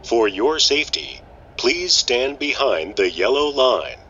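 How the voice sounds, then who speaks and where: Man doing a train station announcement, super slow n formal, lo-fi audio w faint music. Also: medium pitch, big pitch swings, noisy background. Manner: formal, deliberate phrasing.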